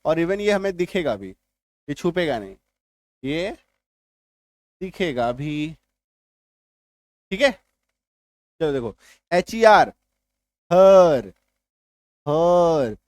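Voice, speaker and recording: A male tutor gives a Hindi-language lesson on English spelling rules at an unhurried pace, repeating each sound patiently. He often stops to check that learners have understood. His voice is close and dry, with no room around it. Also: a little high, sing-song, dry recording. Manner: slow and repetitive, often checking that viewers follow. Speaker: English teacher.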